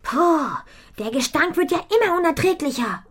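A woman voicing an excitable, anxious young girl in a children's story, high and loud. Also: moderate pace. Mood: disgusted.

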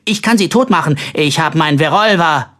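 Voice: medium pitch, a little fast, a bit bright, voice pushed up, lightly acted. A reader voicing a grown man with the mind of a three-year-old, stubborn and cheerful, talking in a childish singsong. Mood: gleeful. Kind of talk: audiobook reading.

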